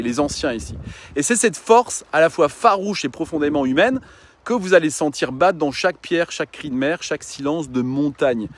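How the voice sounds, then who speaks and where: A man's voice: fairly high pitch, noisy background. A man, a coach and mountain guide, talking earnestly and informally to his followers, with frequent fillers and restarts. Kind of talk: casual informal talk to followers.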